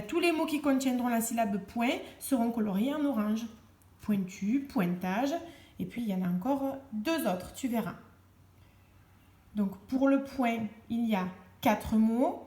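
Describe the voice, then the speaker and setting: A woman teacher with a high, light voice walks young children through their homework, sounding out each letter and syllable with slow patience. The room around her is echoey. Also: darkish tone. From France. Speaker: primary school teacher.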